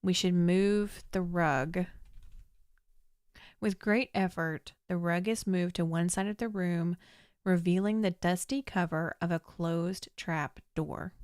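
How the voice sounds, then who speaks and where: A chatty young woman, slightly hoarse and losing her voice, streams a text adventure and thinks aloud while reading the game text in a measured storytelling way. Her fairly low, steady voice has a darkish tone, captured with studio quality and no room sound.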